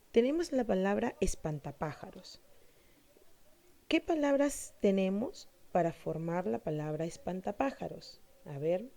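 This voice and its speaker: A woman teaches a grammar lesson in a warm, mellow voice of middle pitch. She speaks slowly and deliberately, asking her pupils questions and then answering them herself. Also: vocal fry. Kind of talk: explaining a Spanish grammar lesson to students.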